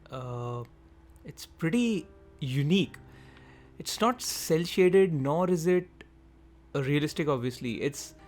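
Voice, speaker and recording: A man hosting a gaming video, giving quick, chatty gameplay commentary and thinking aloud as he goes through the settings. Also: a little high. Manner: quick talker.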